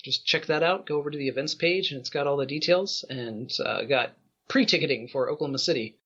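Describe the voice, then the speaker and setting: Man, husky voice, lo-fi dull recording, relaxed interview guest. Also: a little high, quick pace. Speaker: guest, ghost tour guide. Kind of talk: casual interview answers.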